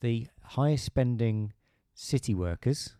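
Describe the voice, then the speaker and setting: Warm-toned British man in casual chat. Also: medium pitch, animated, slow pace, clean tone, dry recording, studio quality. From Britain. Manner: hesitant, many restarts and fillers. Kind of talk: casual podcast conversation.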